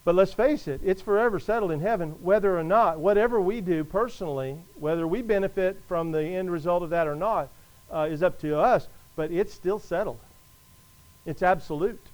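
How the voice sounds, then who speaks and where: High-voiced man preaching an emphatic sermon. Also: darkish tone, poor audio. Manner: emphatic, rises and drops in volume, slows to stress scripture; conversational asides to the congregation.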